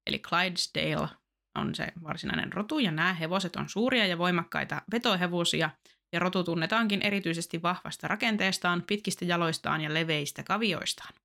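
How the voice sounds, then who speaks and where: A Finnish woman with a lowish voice co-hosts a relaxed podcast. She reads trivia recaps and laughs readily, filling gaps with quick agreements. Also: creaky. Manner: laughs often, affirming interjections. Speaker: podcast co-host. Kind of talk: casual podcast chat and read-aloud recap.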